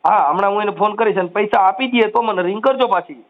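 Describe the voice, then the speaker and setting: A man giving calm, reassuring advice on a phone call, often repeating soothing phrases. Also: sits high, fast. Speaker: social media activist taking calls. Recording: tinny phone line.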